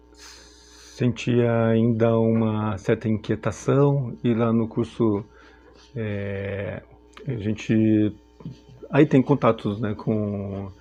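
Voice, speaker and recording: A man from Brazil sharing a personal testimony in a reflective, halting way with frequent filler pauses. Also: on the low side, dark tone, dull audio. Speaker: speaker sharing a personal story.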